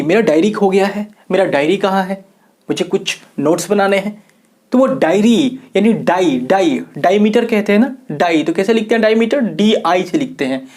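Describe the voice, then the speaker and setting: A man's voice: sits high, a little mellow. A man from Bihar, India, giving a video lesson as an English teacher, spelling words out letter by letter and asking his viewers questions he then answers himself. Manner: asks the viewer rhetorical questions and answers them. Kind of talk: classroom-style video lecture.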